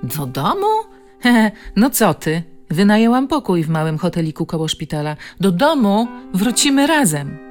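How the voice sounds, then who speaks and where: A woman's voice: mid-range voice, sing-song, normal speed, a little mellow, faint music behind, pitched above the performer's own voice, natural voice. A woman voicing a caring, worried female friend who talks earnestly and eagerly.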